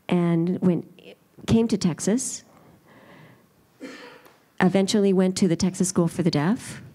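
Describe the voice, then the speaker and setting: A woman's voice: medium pitch, mellow. A woman interpreting live at a panel, voicing signers' remarks in the first person. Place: auditorium during a live panel.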